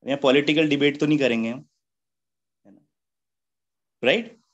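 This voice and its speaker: A man's voice: medium pitch, moderate pace, muffled recording. A man giving a motivational seminar talk at a business meeting, chatty and joking, who keeps asking rhetorical questions. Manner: rhetorical questions with a constant "है ना?" tag; chatty, joking, laughs at his own points.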